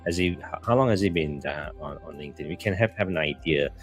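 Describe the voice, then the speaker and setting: Co-hosting a relaxed live chat, a Malaysian-accented man talks quickly in a very deep voice, his speech hesitant and wandering. Faint music plays in the background.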